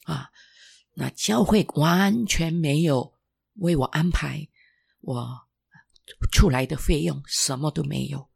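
Gravelly husky older testimony speaker. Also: medium pitch. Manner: halting, restarts, soft whispered stretches. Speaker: former pastor giving testimony. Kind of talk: emotional personal testimony.

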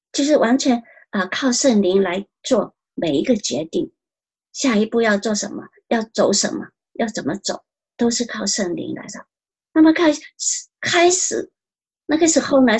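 Husky woman giving earnest testimony. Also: a little high, darkish tone. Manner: earnest, repeats phrases. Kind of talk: spoken personal testimony.

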